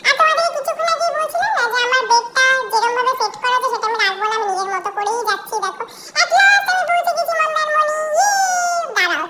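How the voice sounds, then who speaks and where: A bubbly young pet dog chatters about its first trip in an extremely high, squeaky voice. It tells its story at a quick, tumbling pace, like a playful pet-vlog narrator. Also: female voice.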